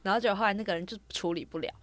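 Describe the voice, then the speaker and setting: A woman's voice: medium pitch, rapid-fire, a bit bright, no room sound. A young woman, telling a long story on a casual podcast, rambling from clause to clause with fillers. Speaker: podcast co-host.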